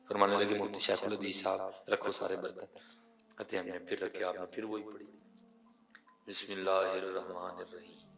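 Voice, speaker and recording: A man delivers an emotional sermon as a storyteller, building emphasis through repeated phrases. His voice is low and gravelly. The recording has a roomy echo and catches him from some distance off. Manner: animated storyteller, repeats phrases for emphasis, swings from quiet to loud. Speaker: preacher. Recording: echoey room, voice from far off.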